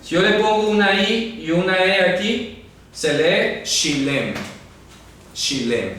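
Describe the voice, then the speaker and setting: A man's voice: high-pitched, expressive, slow, a bit bright. A man teaching a Bible lesson at a board. He explains things carefully and keeps asking his listeners whether they follow. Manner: explanatory, asks listeners rhetorical check-in questions. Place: room with a writing board. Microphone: camera mic from a distance. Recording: very echoey room, mic far off, faint noise.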